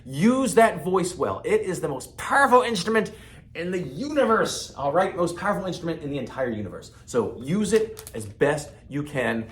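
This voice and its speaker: A man's voice: a little high, very animated, normal speed. Playful man teaching kids about voice. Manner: playful, demonstrates loud and whispered voices, laughs often. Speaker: music teacher. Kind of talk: children's music lesson.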